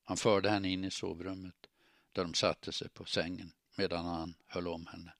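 An audiobook narrator with a deep, gravelly male voice reads scripted narration in a measured, even storytelling style. The recording is dry and studio quality.

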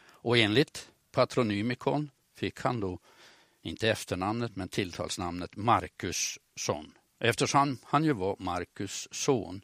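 A man with a northern Swedish accent talks on the radio in a low, unhurried voice. He explains things patiently, like a storyteller. The recording is close and dry, with no room sound. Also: a bit bright, dry recording. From Norrland, northern Sweden. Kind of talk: radio talk on language and family history.

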